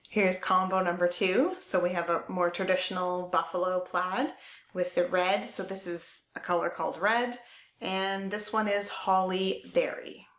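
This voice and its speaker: A woman's voice: lowish voice, fairly even intonation, measured pace, fairly bright tone, slight background noise. A woman hosting a knitting podcast, chatting casually and eagerly as she shows her things, with fillers and trailing thoughts. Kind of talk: casual show-and-tell chat. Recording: roomy echo.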